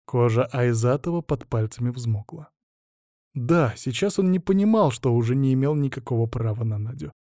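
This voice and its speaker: A man narrating a first-person thriller audiobook in a calm, cold, even voice. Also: mid-range voice, normal speed, no room sound, clean studio sound.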